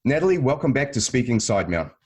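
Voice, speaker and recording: A man's voice: mid-range voice, very animated, fast talker, darkish tone, husky. A man hosting a podcast, chatting in a friendly, upbeat way with his guests. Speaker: podcast host. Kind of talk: casual interview chat.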